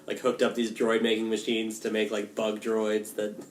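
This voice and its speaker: Casual podcast co-host, male, lowish voice, chatty with filler words, recorded in a roomy space with faint hiss. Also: completely flat delivery, normal speed. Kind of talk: casual film discussion.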